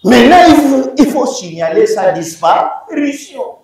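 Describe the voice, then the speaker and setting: Animated teacher in echoey hall. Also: male voice, extremely high pitch, a little slow. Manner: emphatic, repeats words and quizzes students. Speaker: Hebrew teacher. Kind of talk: university lecture. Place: large echoey classroom. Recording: echoey room, distant mic.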